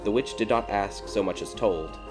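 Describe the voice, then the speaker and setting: A man with a lowish voice narrates a scripted fairy tale at a moderate pace, working as an audiobook storyteller. Music plays prominently behind his reading.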